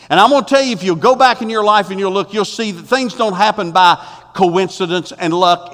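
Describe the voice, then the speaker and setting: A man preaches from the pulpit in a folksy, emphatic manner, his voice sitting a little high for a man. The sound carries a long reverb from the church sanctuary around him. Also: fairly bright tone. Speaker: pastor. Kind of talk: sermon.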